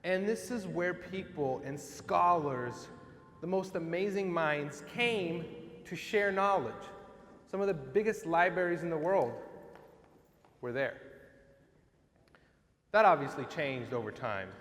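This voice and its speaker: A man's voice: a little high, fairly bright tone. Man, young, from Iraq, motivational school speaker, upbeat, coaxing, echoing hall. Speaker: guest speaker.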